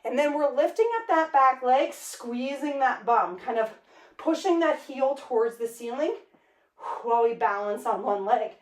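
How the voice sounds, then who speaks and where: A woman's voice: sits high, expressive, normal speed. A woman fitness instructor cueing a workout class energetically while exercising, counting out reps. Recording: echoey room, mic at a distance.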